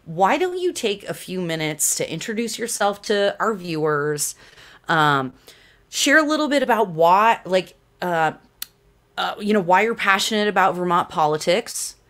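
A woman's voice: fairly low pitch, animated, measured pace, a bit bright. A woman in her thirties hosting a casual livestream talk show from a small home studio, chatty and greeting viewers by name. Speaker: show host. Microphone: desk condenser mic.

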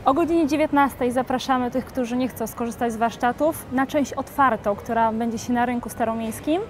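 A young woman coordinating a dance event, answering interview questions in a lively way. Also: fairly high pitch, fairly quick, a little hiss or hum. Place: studio set in a shopping mall. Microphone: lapel.

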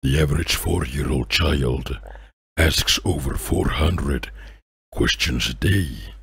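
A man putting on an epic movie trailer announcer voice, gravelly and rumbling, with slow dramatic delivery and deadpan asides. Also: no echo, clean studio sound, exaggerated voice. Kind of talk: movie trailer voice, reading random facts. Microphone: close desk microphone.

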